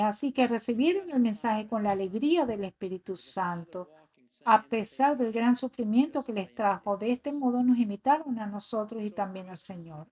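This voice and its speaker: A woman's voice: on the high side, a little mellow, breathy edge. A woman giving an earnest voice-over translation of a sermon, reading scripture passages aloud. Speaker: sermon interpreter.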